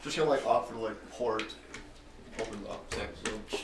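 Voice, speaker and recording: A man's voice: lowish voice, brisk, distant mic, noisy background. A man playing a tabletop game, joking around in casual chat at the table. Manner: joking, lively. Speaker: player. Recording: echoey, from off-mic.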